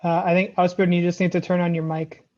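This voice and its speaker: A woman's voice: fairly low pitch, little pitch movement, quick pace, a little mellow. Woman moderator on dull call audio. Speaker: webinar moderator. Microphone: video call.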